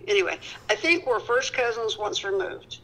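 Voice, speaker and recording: A woman in her fifties from Indiana speaks over a telephone line as a guest. Her voice has a gravelly fry to it. She rambles casually, restarting phrases as she goes. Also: mid-range voice, normal speed, fairly bright tone. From Peru, Indiana. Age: 50s. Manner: chatty and rambling, self-correcting. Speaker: guest, city council candidate. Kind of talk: casual phone chat.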